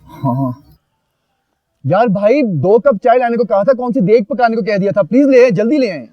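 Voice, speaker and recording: An actor playing a sleepy, dry-humored young husband in a TV drama, answering with sarcasm. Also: male voice, sits high, animated, normal speed, no echo, dull audio. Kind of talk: TV drama acting.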